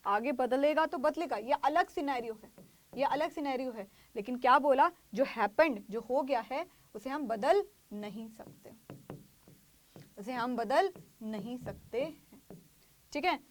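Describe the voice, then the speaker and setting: A woman teaching English grammar online, explaining in Hindi, repeating phrases slowly and acting out little skits. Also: high voice.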